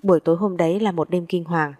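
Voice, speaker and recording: Woman, audiobook narration, first person, steady and measured, somewhat low pitch. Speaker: storyteller.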